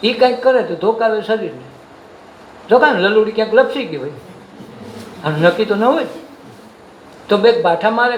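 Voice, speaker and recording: A man with a Gujarati accent giving a devotional sermon, folksy, asking questions and answering them himself. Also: high-pitched. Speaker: satsang preacher. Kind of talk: devotional sermon with sung verses. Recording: echoey room with faint noise.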